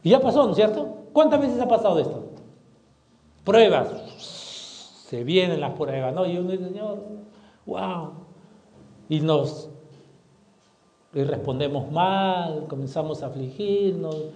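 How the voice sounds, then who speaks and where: Guy pastor preaching, high mellow voice, lots of questions, echoey room. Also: animated, a little slow, long pauses. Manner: preaching with rhetorical questions, dramatic shifts in volume. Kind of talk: sermon.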